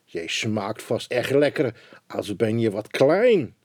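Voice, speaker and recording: A man's voice: on the low side, sing-song, takes it slowly, darkish tone, breathy edge, no echo, clean studio sound, heavily acted. A man voicing a big, greedy male monster in a storybook reading.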